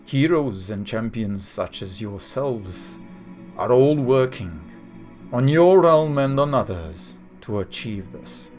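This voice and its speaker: Stern wise archangel, formal and slow, played by a man at the table. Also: medium pitch, expressive, a little mellow, faint music behind, pitched below the performer's own voice. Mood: solemn. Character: grave ancient male archangel, wise and stern.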